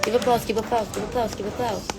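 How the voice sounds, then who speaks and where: A teenage girl runs a casual livestream from her phone, speaking brisk and steady as she reads viewer comments and playfully teases them. When she fakes outrage, her voice jumps high.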